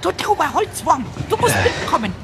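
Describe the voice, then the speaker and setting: A woman voicing a small, cheeky, excitable male kobold in a vintage cartoon style for a children's audio play, exclaiming and repeating words in a childlike way. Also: very high voice, moderate pace, heavily acted. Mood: urgent. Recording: music behind the voice.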